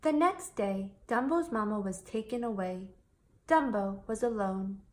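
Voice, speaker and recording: A female narrator brings a children's picture book to life with an animated reading style, speaking at medium pitch and a measured pace.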